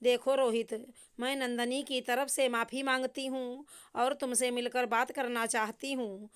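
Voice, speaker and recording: A woman voicing a firm, caring middle-aged mother who reasons calmly. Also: fairly high pitch, measured pace, clean tone, natural voice.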